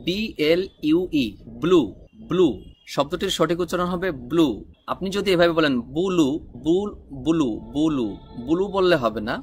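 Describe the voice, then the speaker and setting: A man teaching a lesson patiently. He spells words out letter by letter, and his voice sits a little higher than usual for a man. A faint hiss of background noise runs under the recording. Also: a bit bright. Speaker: English teacher. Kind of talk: spoken English lesson.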